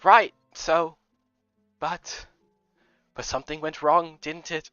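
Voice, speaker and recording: A man's voice: a little high, little pitch movement, slow pace, a bit bright, smooth, dry recording, soft background music. A man voicing a young anxious hero in a game, hesitant and stammering. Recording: dull lo-fi recording.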